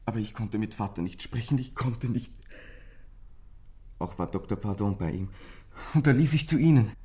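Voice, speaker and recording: Sounding distraught, an actor portrays a troubled teen boy in a German radio crime drama. His voice is fairly low, warm, husky and breathy, and his bitter, frightened confession comes out in an intense, halting way.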